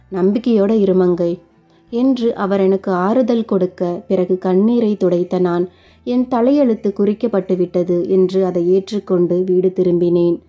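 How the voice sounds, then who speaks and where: Brief: woman storyteller, steady and emotive, deep mellow timbre, soft music underneath. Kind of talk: first-person short story narration. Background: faint background music.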